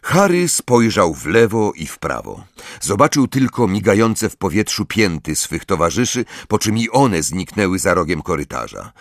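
A man's voice: low-pitched, sing-song, normal speed, dry recording, studio quality. A man narrating an audiobook in scripted, vivid storytelling style. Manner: vivid storytelling, voicing each character.

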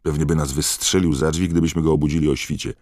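Direct, eager teenage wizard, read by a man: low, dry, raised a little. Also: fairly even intonation, quick pace, darkish tone, dry recording. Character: determined teenage boy wizard.

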